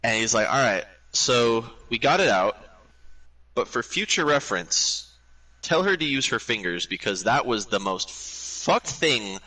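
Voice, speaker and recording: A young man spins a crude story in casual game chat, cursing freely and acting out every line he quotes. His voice is bright and forward, with a sharp edge to it. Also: mid-range voice, measured pace, poor audio. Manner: profane, animated storyteller who acts out the quotes. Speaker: gamer telling a story.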